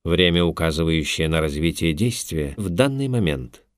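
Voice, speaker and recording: Deep-voiced guy reading out a language lesson, measured and teacherly, very dry close mic. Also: lively intonation, dry recording. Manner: measured, instructive delivery. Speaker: language instructor. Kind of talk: scripted lesson narration.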